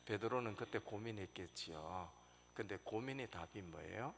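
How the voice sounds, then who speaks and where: Low gravelly pastor preaching, storytelling that swings loud then quiet, big church reverb and a faint hiss. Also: male voice, moderate pace. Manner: storytelling with sudden loud rises and hushed drops. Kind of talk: sermon. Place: church sanctuary.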